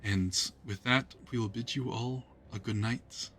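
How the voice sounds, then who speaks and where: A man's voice: mid-range voice, fairly even intonation, unhurried, fairly bright tone, a little hiss or hum. A man hosting a live stream as game master, thanking players and viewers with frequent fillers. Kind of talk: closing remarks on a live stream.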